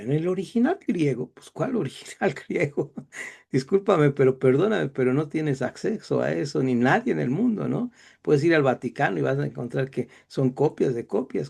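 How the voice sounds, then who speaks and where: A man's voice: on the high side, gravelly, mellow. A middle-aged man with a Mexican accent giving a Bible class in a chatty, digressive lecture style. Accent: Mexican Spanish. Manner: digressive, chatty, self-deprecating asides. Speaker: Bible teacher.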